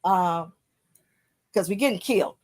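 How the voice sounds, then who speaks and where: A woman's voice: fairly low pitch, unhurried, a little mellow. A woman with a Texan accent co-hosting a sports podcast, talking bluntly with plenty of profanity. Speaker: podcast co-host. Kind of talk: casual sports talk.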